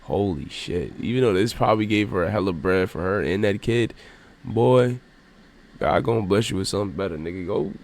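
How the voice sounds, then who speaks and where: A man's voice: deep voice, animated, brisk, darkish tone. A man who is sick, with a tissue up one nostril and a congested nose, giving casual, slangy, profane reaction commentary as a video host. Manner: informal, profane, rambling. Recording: background noise.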